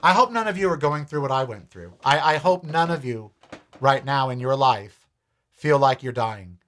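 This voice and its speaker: Bright, emotional talk-show man. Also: medium pitch, normal speed. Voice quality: expressive, emotional, swings between loud exclamations and quiet asides. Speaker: podcast host. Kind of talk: casual confessional chat to viewers.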